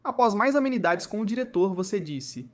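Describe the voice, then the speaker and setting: Lively story recap narrator. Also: mid-range voice, a little fast. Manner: lively storytelling delivery in second person. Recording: faint music underneath.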